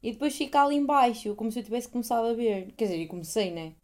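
A woman's voice: a little high, animated, quick pace, darkish tone. A young woman with a European Portuguese accent, hosting a casual solo podcast, rambling, swearing freely and poking fun at herself. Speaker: podcast host.

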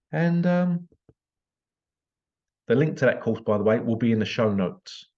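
A man's voice: mid-range voice, darkish tone. Blunt British man, lo-fi podcast. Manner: blunt, exasperated storytelling. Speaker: podcast host. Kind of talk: solo podcast monologue. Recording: slightly dull lo-fi recording.

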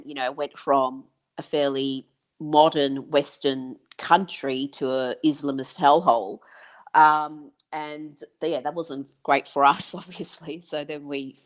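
A woman's voice: low-pitched, steady tone, unhurried. A woman raised in Iran, chatting as a guest in a casual remote conversation, often breaking into laughs.

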